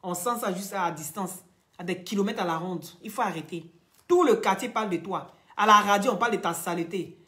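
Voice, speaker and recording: A hoarse woman hosts a live stream. She rants loudly and mockingly, laughing often, and her voice is worn from talking. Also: fairly low pitch, a little fast. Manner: loud, taunting, laughing often. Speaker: social media live streamer.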